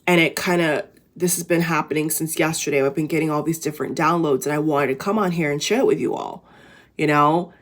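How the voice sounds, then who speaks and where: In a fairly quick, loose inspirational talk to camera, this vlogger's low, raspy voice sounds weary. She keeps doubling back, restarting and using fillers while she sorts out her ideas for viewers.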